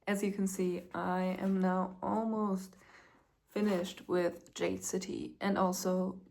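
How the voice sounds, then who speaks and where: Young woman book vlogger, tired and kinda sick, raspy fry voice, slow and whispery. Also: mid-range voice, little pitch movement, darkish tone. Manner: emotional, dramatic reactions. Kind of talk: casual reading vlog.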